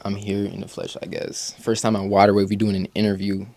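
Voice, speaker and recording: A rapper from Uganda, in his twenties, answers interview questions in a casual chat, his fairly low voice moving fairly quickly. Easygoing and slangy, he repeats "you feel me" a lot.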